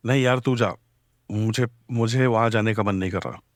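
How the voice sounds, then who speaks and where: A man's voice: lowish voice, normal speed, no echo, clean studio sound, lightly acted. A man voicing a nervous, frightened young man who stammers in a horror audio drama. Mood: scared. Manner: stammering, uneasy.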